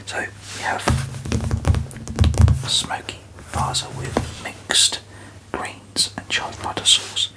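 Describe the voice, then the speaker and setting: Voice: takes it slowly, rough recording. Tingly whispered ASMR voice with mouth sounds. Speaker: ASMR video host. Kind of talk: whispered ASMR product review.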